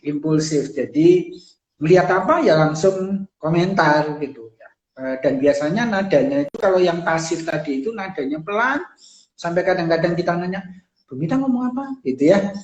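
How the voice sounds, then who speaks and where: A man talks through his subject in a relaxed, explaining way, dotting his sentences with fillers and slipping into quick acted-out examples. His voice sits a little high for a man. The room around him rings with echo. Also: dull audio. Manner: conversational, many fillers, acts out quoted lines. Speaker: psychology speaker. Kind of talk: casual explanatory talk on a live stream.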